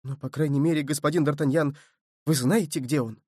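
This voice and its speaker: A man's voice: fairly high pitch, fairly even intonation, brisk, darkish tone, husky, no echo, clean studio sound. A man voicing an earnest young nobleman, pleading and emotional, his voice raised above his narrating tone. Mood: eager.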